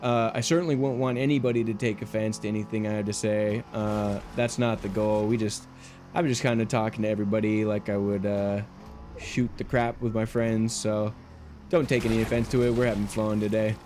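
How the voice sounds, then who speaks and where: A man's voice: lowish voice, level tone, fairly quick, a little mellow, slight background noise. A man livestreaming, chatting casually with viewers while gaming, laid-back and rambling with lots of fillers, heard through a livestream headset mic. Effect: livestream headset mic audio. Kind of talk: casual gameplay chat with viewers.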